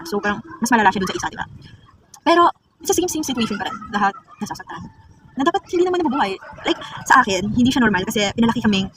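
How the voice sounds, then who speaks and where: A woman's voice: mid-range voice, distant mic, background noise. A woman from the Philippines chatting casually and confidingly to her viewers in a vlog. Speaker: vlogger.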